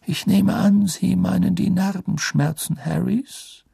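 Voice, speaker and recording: A wise old headmaster speaks with calm, commanding gravity. A man voices him with a rough, husky tone, close and dry. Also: sits high, takes it slowly, dry recording, pitched above the performer's own voice, exaggerated voice. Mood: grave. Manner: calm, grave, at times hushed.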